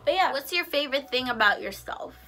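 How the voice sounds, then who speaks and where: With soft music playing behind her, the roughly twenty-year-old vlogger talks at a fairly quick clip in a high, pushed, bright voice. Animated and expressive, she chats to camera from a curtained room at home. She comes from Guyana and the U.S. and grew up partly in Maryland.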